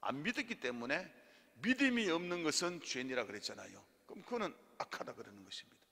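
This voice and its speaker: A male pastor teaching theology in a church, animated and leading the congregation in repeat-after-me lines and amens. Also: a little high, fast, vocal fry. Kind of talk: sermon-style theology class. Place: church hall. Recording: hall reverb.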